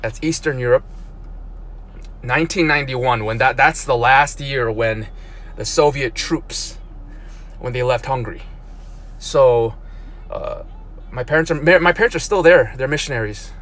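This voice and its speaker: A man's voice: mid-range voice, unhurried, pauses often, fairly bright tone. A man in his thirties, from South Korea, talking casually in a live stream from a parked car, holding his phone at arm's length. He rambles, restarting sentences and repeating words. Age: 30s. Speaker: blogger.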